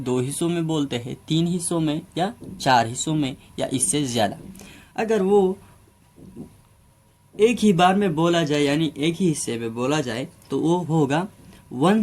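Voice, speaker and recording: A man gives a grammar lesson. He works slowly and deliberately, stretching words out syllable by syllable and pausing on fillers. His voice sits a little higher than most men's. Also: a little mellow. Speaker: English grammar teacher.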